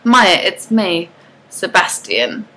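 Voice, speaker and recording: A woman's voice: on the low side, sing-song, slow pace, pushed and bright, heavily acted, rough recording. A woman voicing a young male mysterious soulmate, earnest and a little exasperated, in her own natural voice.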